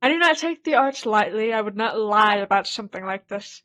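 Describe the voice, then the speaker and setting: A woman's voice: medium pitch, animated, a little fast, fairly bright tone, faint music behind, lightly acted, poor audio. Woman reading as a poised, formal art professor. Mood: composed. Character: poised elegant female art professor, protective.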